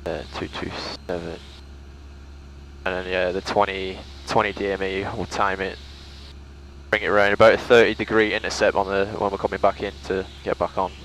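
Deep, flat-toned young male pilot. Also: normal speed, a little hiss or hum, low-quality recording. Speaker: student pilot. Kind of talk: casual thinking aloud while flying. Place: small plane cockpit in flight. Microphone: aviation headset.

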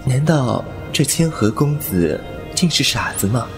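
Over background music, a man acting in a Chinese audio drama plays a fox spirit painter, serving as narrator and lead. His mid-range, sing-song voice moves a little slowly as he tells the story in a languid, wry, teasing way, laughing softly.

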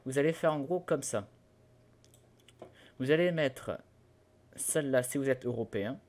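A young man talks a viewer through steps on his computer in a casual, halting way. He stumbles, restarts and fills pauses as he goes, at an ordinary pitch for a man. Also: animated, a little mellow. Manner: hesitant, many fillers and restarts, loses his words. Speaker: tutorial host. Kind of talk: casual screen-recorded tutorial.

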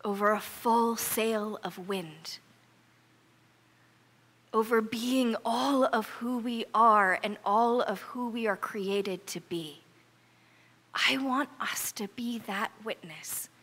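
A middle-aged American woman pastor takes her sermon slowly, her fairly high voice a bit bright. Preaching before a congregation in a church sanctuary, she is emphatic and earnest, telling stories conversationally, while the church hall adds reverb.

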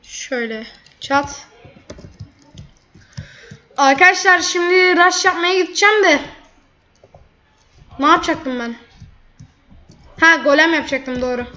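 Woman gamer, high voice, running play-by-play commentary, quick to vent; dull lo-fi recording. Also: sharp tone. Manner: chatty, blurts out frustration at opponents. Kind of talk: live gameplay commentary. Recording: dull lo-fi mic.

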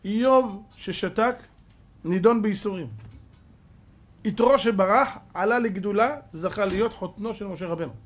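A man giving a rabbi's sermon, telling stories dramatically and swinging between loud emphasis and hushed tones, with repeated rhetorical questions. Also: high voice. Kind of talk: Torah sermon with storytelling.

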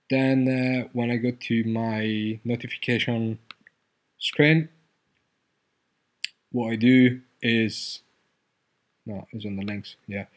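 Man, mid-range voice, casual coding tutorial, hesitant, lots of fillers. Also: medium pitch. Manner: loose, hesitant, many fillers and restarts. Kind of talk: casual screen-recorded coding walkthrough.

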